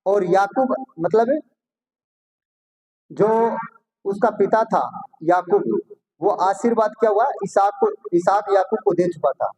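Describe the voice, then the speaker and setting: A man with a notably high voice preaches a sermon. He reads scripture passages aloud, then unpacks them for his listeners, repeatedly posing rhetorical questions and answering them himself. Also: darkish tone, slightly rough, low-quality recording.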